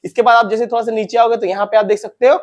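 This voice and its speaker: A man's voice: sits high, fairly even intonation, very fast. A young man hosting an informal advice talk, chatty, repeating points and calling viewers friends and brothers. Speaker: recruitment info channel host.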